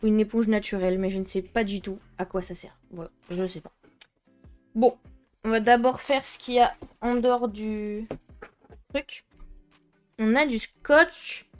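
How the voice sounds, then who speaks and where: A woman's voice: medium pitch, steady tone, measured pace, pauses often, darkish tone, faint music behind. A French-speaking woman chatting casually through an art-supply unboxing, hesitant with many fillers and frequent giggles. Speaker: art vlogger.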